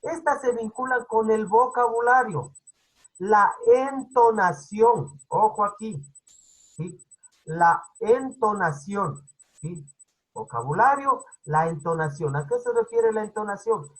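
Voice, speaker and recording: A teacher from Ecuador speaking with a Quito highland accent, delivering an online class lecture. The voice is somewhat husky and breathy, set at a middle pitch. They explain things patiently and keep checking in with the class. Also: animated, normal speed, poor audio. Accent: Quito highland Spanish.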